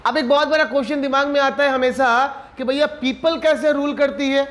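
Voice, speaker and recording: A man's voice: very high voice, fairly even intonation, fairly quick, fairly bright tone. A man with an Indian accent giving a classroom civics lecture. He mixes Hindi and English, asks himself rhetorical questions and checks in with the class. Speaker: civics teacher.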